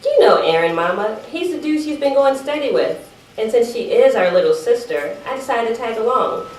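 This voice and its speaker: Reading a dramatic monologue aloud at a live event, a woman plays an evasive teenage sister pleading her case to Mama, explaining herself defensively and apologetically with chatty digressions. Her fairly high, animated voice has a darkish tone at normal speed and stays close to everyday speech. A distant microphone in the reverberant room picks up faint noise.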